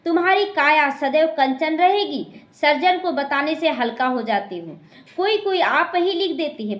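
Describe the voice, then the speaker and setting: A woman's voice: high voice, a bit bright. A woman, a spiritual teacher explaining scripture to a class, repeating her points and speaking straight to her listeners. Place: meditation class hall. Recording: echoey room.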